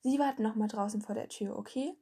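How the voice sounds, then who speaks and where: A woman's voice: fairly high pitch, fast talker, warm tone, slightly rough. A woman voicing a strict older woman professor who speaks carefully and tries to stay fair. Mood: measured.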